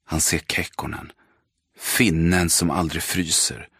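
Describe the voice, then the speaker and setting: A man narrating an audiobook in measured, terse, dramatic sentences. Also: sits low, steady tone, a bit bright, breathy edge, dry recording, studio quality. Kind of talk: scripted narration.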